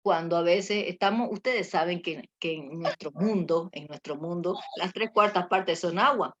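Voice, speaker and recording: A woman's voice: lowish voice, normal speed, dry recording. A woman teacher giving a class lecture, with many fillers and tag questions. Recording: muffled lo-fi audio.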